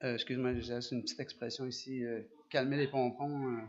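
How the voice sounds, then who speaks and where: A man with a Quebec French accent preaching a sermon, animated, asking rhetorical questions and often restarting his sentences. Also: medium pitch, fairly quick. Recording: dull lo-fi recording.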